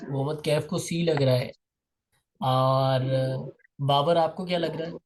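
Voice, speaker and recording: A man's voice: on the high side, fairly even intonation, rough recording. Pakistani man teaching an online class. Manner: explains patiently, calls on students by name, reads definitions slowly. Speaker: test-prep teacher.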